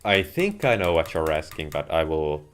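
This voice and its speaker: A man from Finland with a low voice and Finnish accent gives casual commentary during a gaming livestream, addressing viewers in a sing-song way with measured, slightly formal phrasing. Slight noise and keyboard and mouse clicks sit behind his voice.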